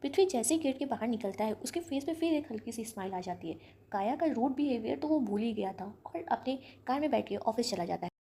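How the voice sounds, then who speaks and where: Expressive woman storyteller. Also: a little high, a little fast, a little hiss or hum. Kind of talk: storybook narration.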